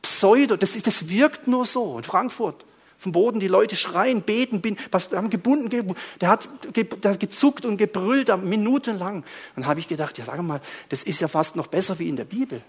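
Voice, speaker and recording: Preacher guy, husky and a bit high, goes from quiet mumbles to loud bursts. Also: brisk. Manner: animated storyteller, jumps between quiet asides and loud outbursts. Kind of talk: storytelling sermon.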